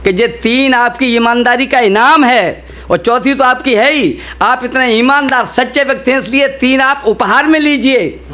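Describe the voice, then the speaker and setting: A man's voice: very high-pitched, moderate pace. A man telling a comic story on stage as a humorous poet, acting out the characters' lines. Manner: animated, acts out characters' lines.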